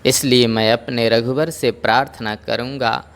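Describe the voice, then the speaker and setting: A man voicing a patient, kindly old guru who speaks in a gentle, coaxing way. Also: medium pitch, steady tone, measured pace, close to an everyday voice. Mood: earnest.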